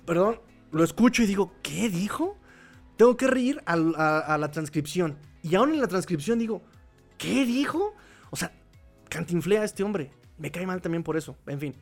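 A man's voice: high voice, lively intonation, moderate pace, faint music behind. A Mexican man hosting a live podcast, reading chat comments and giving opinions in a chatty, laughing way. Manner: chatty, opinionated, laughs often, repeats phrases. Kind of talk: casual live-stream commentary.

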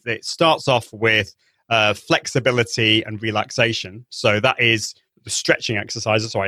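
A man's voice: medium pitch, sharp tone, no echo. A man giving an interview as a live video trainer, explaining enthusiastically with many restarts, with a trained singer's voice. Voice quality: trained singing voice. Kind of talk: interview over a call.

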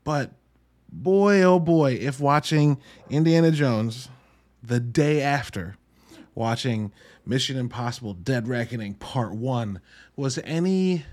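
Hosting a podcast alone, a man with a medium-pitched, darkish voice talks through a movie review in a wry, conversational style, tossing in emphatic asides.

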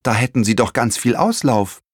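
A man voicing a curious, eager young girl in a storybook reading, with a bright, excited childlike delivery. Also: medium pitch, normal speed, husky, no room sound, clean studio sound, pitched above the performer's own voice.

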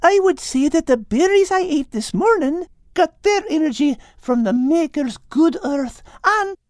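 A woman's voice: high-pitched, lively intonation, a little slow, darkish tone, no room sound, clean studio sound, pitched above the performer's own voice. A woman voicing an eager young Scottish girl pupil who keeps asking curious questions. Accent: Scottish, put on. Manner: curious, asks lots of questions.

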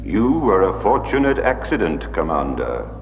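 A disembodied alien voice, deep and courteous, calling people sir with chilly formality. It rings out roomy and distant, with a long reverb tail and steady noise over the old TV soundtrack. The pitch swoops widely for drama. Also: male voice, normal speed, dull audio, crowd noise. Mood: cold polite. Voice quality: deep, announcer-like. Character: disembodied male alien voice, polite civilized villain. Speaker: alien voice from an asteroid. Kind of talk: 1970s TV sci-fi drama acting. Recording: echoey distant noisy TV soundtrack.

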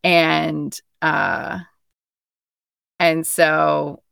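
Young woman co-host, low voice with fry, bright edge, relaxed book chat. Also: very slow, no room sound, clean studio sound. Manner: relaxed, thoughtful, reads passages aloud. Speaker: podcast co-host. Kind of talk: casual book discussion.

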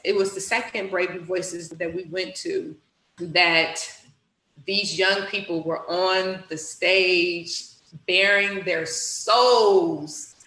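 A woman telling a personal story as an interview guest, animated, acting out her own reactions and laughing often. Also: takes it slowly, reverberant, low-quality recording. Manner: animated, acts out her own reactions with big pitch jumps; laughs often while talking. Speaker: guest, youth literacy director.

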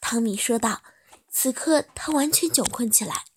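A woman narrating a story in a soft, steady reading voice. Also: on the high side, moderate pace, slightly rough.

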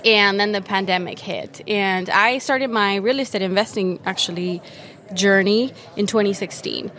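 A woman's voice: mid-range voice, moderate pace, fairly bright tone. A young woman from Venezuela, a guest on a podcast, explaining retirement investing eagerly with plenty of fillers, recorded on a busy conference floor. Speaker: guest, retirement account specialist. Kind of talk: conversational interview.

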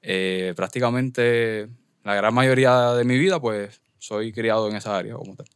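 A Puerto Rican man in his twenties, a podcast guest in a small studio, answering calmly and matter-of-factly. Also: fairly low pitch, moderate pace, smooth, no room sound. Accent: Puerto Rican Spanish. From Carolina, Puerto Rico. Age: 20s. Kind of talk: casual interview chat.

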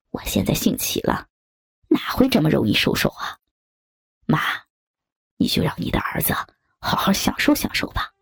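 A woman voicing a menacing, taunting young man in a dramatic audio story, with a low gravelly voice and mocking laughs. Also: wildly swooping pitch, a little slow, pauses often, heavily acted. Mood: gloating. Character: menacing young adult son, leering and taunting.

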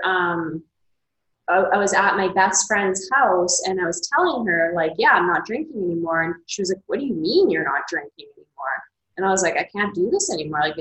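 A woman who is an author and coach talks candidly and reflectively in a casual interview, often using "like" as a filler. Her voice is lowish and a bit bright. The recording is reverberant and low in quality.

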